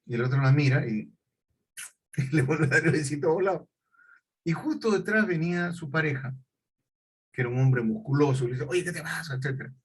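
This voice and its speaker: Leading a conversational class, a male teacher spins chatty stories, fixing his own wording as he goes and laughing in the middle of them. His husky voice is a little high, and he talks slightly fast while pausing often.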